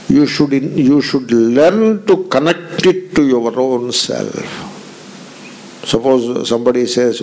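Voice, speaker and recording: Male spiritual teacher, creaky gravelly voice, mid-pitched, emphatic rhetorical questions, repetitive phrasing. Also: darkish tone, poor audio. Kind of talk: Vedanta discourse.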